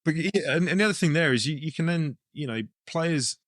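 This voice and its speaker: This rugby coach and club director, a man with an English accent, talks fairly quickly in a voice on the high side, slightly bright. As an interview guest he explains his ideas informally, thinking aloud. The studio recording is clean and free of echo.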